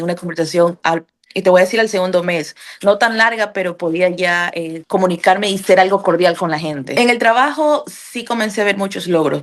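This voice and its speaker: Chatty woman with frequent fillers. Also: mid-range voice. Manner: frequent "eh" fillers and "¿verdad?" tags; acts out remembered dialogue. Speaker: interviewee sharing a testimonial. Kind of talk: casual conversational testimony.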